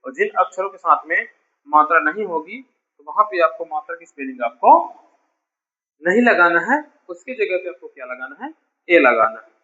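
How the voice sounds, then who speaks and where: A man's voice: on the high side, lively intonation, normal speed, bright, forceful tone, highs cut off. A man teaching a beginner English lesson, patiently repeating each point and calling his students dear children. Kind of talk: classroom lesson explaining spelling.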